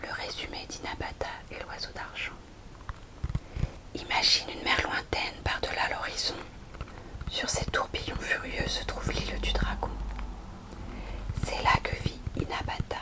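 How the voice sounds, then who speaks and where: A young adult woman presenting books in a soft, unhurried library whisper, in the style of an ASMR recommendation video. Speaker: ASMR host recommending storybooks. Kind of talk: whispered ASMR book talk.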